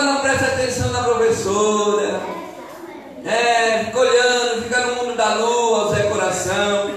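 A man giving an animated children's lesson in a church, often asking the kids questions, heard in an echoey hall from a distance. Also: very high-pitched.

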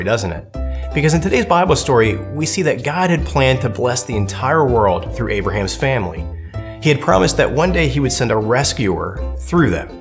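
A male pastor answering children's questions in a friendly, explaining way. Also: mid-range voice. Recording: music bed underneath.

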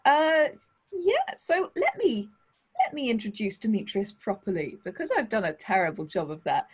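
A woman in her thirties hosts a livestream interview over a video call from an indoor home studio, bubbly, playful and full of jokes. Her husky mid-range voice is very animated, moving at a moderate pace.

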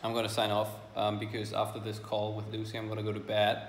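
A man's voice: on the low side, completely flat delivery, quick pace. A young man from Germany chatting casually in his vlog, laughing often and swearing lightly. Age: young adult. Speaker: vlogger. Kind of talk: casual vlog chat on a call. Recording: roomy echo, faint room noise.

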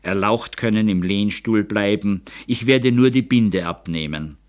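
A man voicing a cautious, tactful doctor who speaks in a measured, deferential way. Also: fairly low pitch, natural voice.

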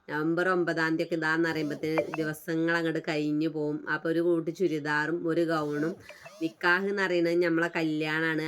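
A woman's voice: deep voice, smooth. A middle-aged woman with a Malappuram Malayalam accent, narrating a homely family vlog in a chatty manner. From Malappuram, Kerala. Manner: chatty, homely, tags sentences with "tto". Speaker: vlogger.

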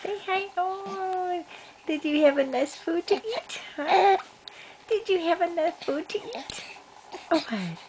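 A woman's voice: very high voice, animated, measured pace. Older woman cooing sing-song baby talk. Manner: coaxing, sing-song, repetitive. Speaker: grandmother babysitting. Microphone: camcorder mic. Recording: noisy home camcorder audio.

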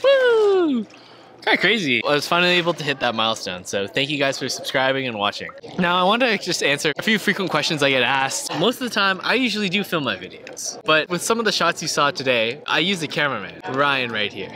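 A man's voice: fairly high pitch, huge pitch swings, brisk, pushed and bright. A young man chatting casually and upbeat in a vlog, talking into a small handheld mic in an outdoor hot tub. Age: young adult. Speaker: vlogger. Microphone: handheld mini mic. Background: music.

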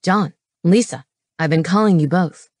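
A woman doing a deep, growling dragon man. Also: moderate pace, darkish tone, dry recording, clean studio sound, natural voice. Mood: grim. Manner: low, growling. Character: young male dragon shifter, protective and grim. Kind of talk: audiobook character voice.

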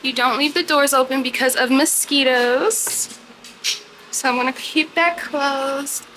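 A young woman vlogging casually to her viewers from a hotel room and balcony, chatty and animated, filmed on a phone held at arm's length. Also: high voice, unhurried, a little hiss or hum. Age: young adult. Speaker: travel vlogger. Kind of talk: casual vlog to camera. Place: hotel room and balcony at night, outdoors by a city street. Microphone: handheld phone camera at arm's length.

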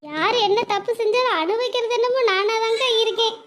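A woman voicing a squeaky, plaintive cartoon wife. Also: a little fast, fairly bright tone. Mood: aggrieved. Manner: plaintive, complaining. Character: anxious, put-upon young wife.

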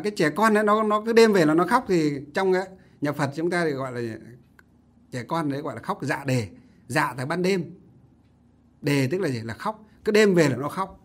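A man, a Buddhist monk telling a story in a conversational, animated sermon. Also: on the high side. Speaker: Buddhist monk giving a dharma talk.

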